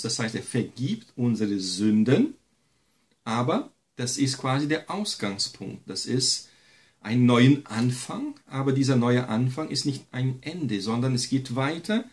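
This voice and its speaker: A man giving a Bible lesson, emphatic and repetitive, often adding a questioning tag to his sentences. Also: mid-range voice. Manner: emphatic, repeats key phrases, frequent tag "ne". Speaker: Bible teacher.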